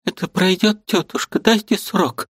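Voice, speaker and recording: A man voicing a quiet, pious young woman who speaks softly and earnestly in an audiobook. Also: high voice, unhurried, husky, no room sound, studio quality, voice pushed up, exaggerated voice. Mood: subdued. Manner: soft, subdued, earnest.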